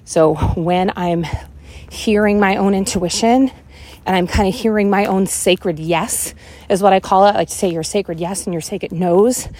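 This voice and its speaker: A woman in her forties hosting a casual walk-and-talk monologue, thinking out loud with lots of fillers as she strolls around her neighborhood. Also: medium pitch, moderate pace. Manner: rambling, animated, thinks out loud with many fillers. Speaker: podcast host. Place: walking outdoors around a neighborhood.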